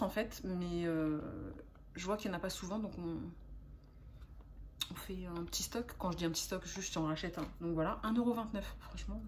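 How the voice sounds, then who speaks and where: Young woman vlogger, casual haul chatter full of fillers, mid-pitched voice, faint hiss in the background. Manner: chatty, hesitant with frequent fillers. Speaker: beauty vlogger.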